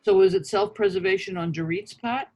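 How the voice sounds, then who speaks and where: Higher-voiced man questioning in a book club. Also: a little mellow, highs cut off. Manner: hesitant, stammering, quick bursts. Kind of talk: casual book club discussion.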